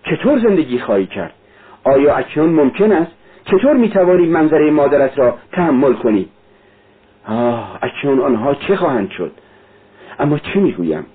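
A man voicing an anguished, devout young woman who cries out and pleads in a high voice. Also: big pitch swings, breathy edge. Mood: pleading. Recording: narrow lo-fi radio-like sound.

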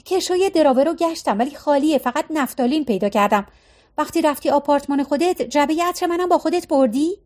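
Woman voicing a pushy young woman, high and sharp. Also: lightly acted. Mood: insistent. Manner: insistent, accusing questions. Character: young woman, annoyed, demanding her lost box.

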